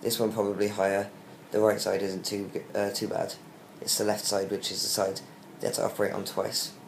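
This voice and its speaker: A young British man speaks in a low, creaky voice, weak and worn out after surgery. His casual video diary comes out halting and subdued, on short breaths. The room around him sounds echoey. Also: monotone. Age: young adult. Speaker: vlogger giving a recovery update. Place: small hospital room, lying in bed. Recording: roomy echo with faint background hiss.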